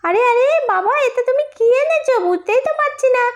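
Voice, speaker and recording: Bossy young mother for a doll-play story, voiced by a woman; scolding, high voice. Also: animated, fairly quick. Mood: fussing. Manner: scolding, fussing.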